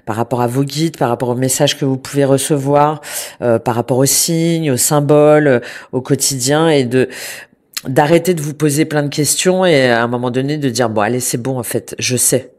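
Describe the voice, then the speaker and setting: A tarot reader with a cold talks her viewers through a reading, her voice slightly stuffy and congested. It is very deep and moderately paced, and though she hesitates often, circling back with fillers and restarts, her tone stays gentle and reassuring.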